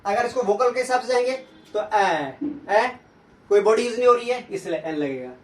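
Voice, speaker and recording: High-voiced male teacher in echoey room. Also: expressive, recorded from a distance. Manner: asks questions and answers them himself, repeats sounds slowly. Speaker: English teacher. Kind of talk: classroom grammar lesson.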